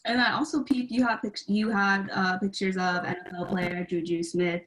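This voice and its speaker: A woman's voice: mid-range voice, level tone, moderate pace, fairly bright tone. A young woman hosting a podcast, asking casual, conversational interview questions. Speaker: podcast host.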